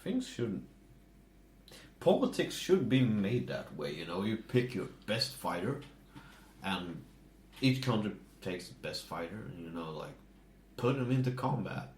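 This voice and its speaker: Brief: low-voiced male podcast co-host, easygoing sidekick with dry jokes, echoey room. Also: big pitch swings, measured pace, pauses often, a little mellow, a little hiss or hum. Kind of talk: casual podcast banter.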